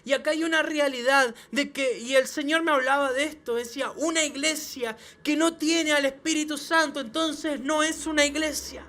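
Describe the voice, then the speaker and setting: A man, a pastor, preaching a sermon to his church with emphatic repeated phrases and quick restarts. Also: very high-pitched, fairly even intonation, sharp tone. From Chile. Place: church service.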